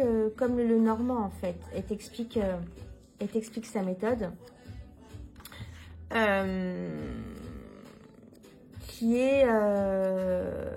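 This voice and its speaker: A woman's voice: fairly high pitch, mellow, poor audio. A woman talking casually to her viewers as a tarot reader, hesitant, with many fillers and restarts, frank and informal. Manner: frank and informal, mild swearing. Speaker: tarot reader presenting books. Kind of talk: casual vlog talk.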